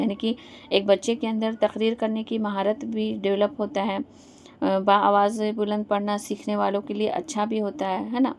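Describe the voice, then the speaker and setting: A woman gives an exam-prep lecture in a gravelly, fairly flat voice. She keeps posing questions and answering them herself, tagging "hai na" onto her points. Faint noise sits behind her. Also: medium pitch. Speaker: teacher.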